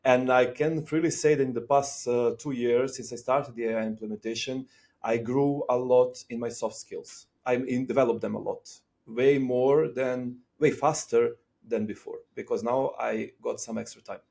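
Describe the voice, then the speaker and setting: A man from Serbia talking in a relaxed podcast conversation, thinking aloud with fillers and restarts. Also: medium pitch, moderate pace, gravelly. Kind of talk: casual conversation.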